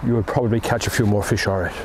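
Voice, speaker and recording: Very fast and on the low side, an older man with an Irish accent chats casually about fly fishing by a river. He explains in a relaxed, how-to way with ums and asides. The distant camera on the bank also picks up the flowing river and wind.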